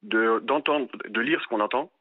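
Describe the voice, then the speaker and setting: A man's voice: mid-range voice, moderate pace, no echo. A man calling in to a radio talk show, chatting frankly with some hesitant fillers. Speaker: caller. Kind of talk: casual phone-in chat. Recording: tinny phone line.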